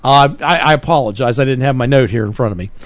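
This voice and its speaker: A man's voice: mid-range voice, fast talker, no echo. A man co-hosting a political talk podcast, speaking earnestly and emphatically, often correcting himself mid-sentence. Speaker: podcast co-host. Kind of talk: political talk radio chat.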